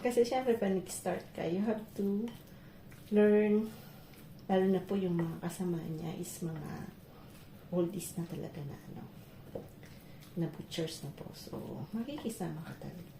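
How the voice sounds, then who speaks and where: This Filipina vlogger talks in a lowish, slightly slow voice with vocal fry and long pauses, while a little background noise sits under it. She's cooking for her vlog in a home kitchen that echoes with loud clatter, chatting casually and often laughing through her stories.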